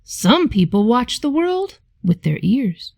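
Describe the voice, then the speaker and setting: A woman voicing a wise, cheerful, no-nonsense grandmother in a storybook, folksy and gently chiding. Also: fairly high pitch, big pitch swings, slow, gravelly, no echo, exaggerated voice.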